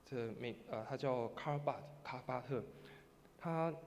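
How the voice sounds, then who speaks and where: A man's voice: medium pitch, normal speed. A male pastor with a Taiwanese Mandarin accent preaching a sermon, telling a story and acting out its voices. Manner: animated storyteller who acts out voices. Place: church sanctuary. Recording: church hall reverb, faint background noise.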